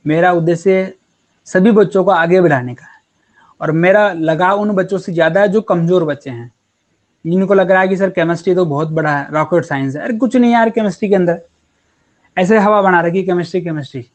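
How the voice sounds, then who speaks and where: High-voiced, chatty male chemistry teacher. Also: fairly quick. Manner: chatty and encouraging, calls students beta and yaar. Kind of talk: casual online class teaching.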